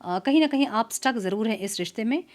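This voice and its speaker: A woman's voice: fairly high pitch, expressive, quick pace. Chatty woman giving a tarot reading. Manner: chatty, mixes English words into Hindi, frequent "so" and "theek hai". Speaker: tarot reader. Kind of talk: casual tarot reading monologue.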